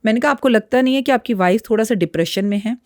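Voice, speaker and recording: A woman's voice: on the high side, very fast, dry recording, studio quality. A woman astrologer speaking as a podcast guest, frank and lecturing in a blunt, outspoken way. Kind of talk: podcast interview talk.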